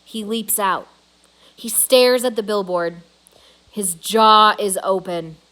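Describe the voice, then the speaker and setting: A woman's voice: medium pitch, slow pace, pushed and bright. A woman reading a children's novel aloud as a storyteller.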